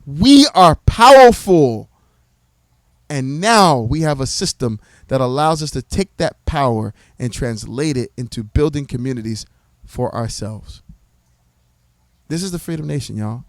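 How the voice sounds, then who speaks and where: Man, middle-pitched, preacherly livestream pitch, repeats lines for emphasis, dry close mic. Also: expressive, moderate pace, dry recording. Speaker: community organizer presenting his platform.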